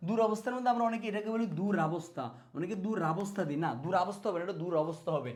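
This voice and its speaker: A man's voice: sits high, fast, a little mellow. A man teaching an exam spelling lesson, speaking to students as friends and repeating words so they stick. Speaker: exam prep tutor.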